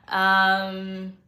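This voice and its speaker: A woman's voice: medium pitch, sharp tone. Trini woman chatting on a livestream, laughs a lot, fixes her words as she goes, roomy echo. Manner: chatty, laughs often, self-correcting. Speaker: livestream host. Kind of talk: casual face-to-camera chat. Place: home studio. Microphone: microphone.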